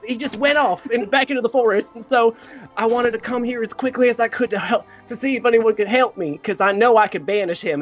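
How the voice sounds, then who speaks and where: A player voicing an earnest, bumbling holy brother who speaks in a halting, dramatic, pious way in a tabletop game. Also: medium pitch, lo-fi sound, lightly acted. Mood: shaken, determined.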